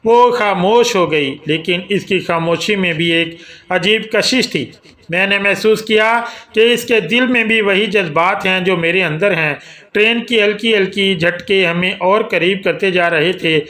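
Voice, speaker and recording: A man telling a romantic audio novel in the first person, in steady, scripted storytelling. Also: sits high. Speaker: narrator.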